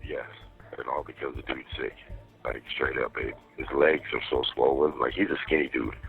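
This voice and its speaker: A man's voice: a bass voice, steady tone, normal speed, gravelly, slightly rough, faint music behind. A man chatting casually on a prison phone, telling things in streetwise, profane slang over a muffled call. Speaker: jail inmate calling partner. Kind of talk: casual private phone chat from jail.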